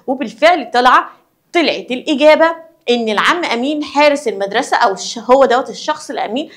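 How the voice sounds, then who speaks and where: A woman's voice: high-pitched, expressive, quick pace, a bit bright. A woman with an Egyptian accent explaining a school lesson to young children, asking questions and answering them herself. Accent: Egyptian Arabic. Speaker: primary school teacher.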